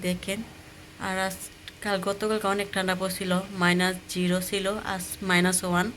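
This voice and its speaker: A Bangladeshi woman vlogging casually as she cooks at home, explaining each step in a chatty way, her voice hoarse from a cold. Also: fairly low pitch, level tone, moderate pace, fairly bright tone, slight background noise. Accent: Bangladeshi Bengali. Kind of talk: casual cooking vlog. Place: home kitchen.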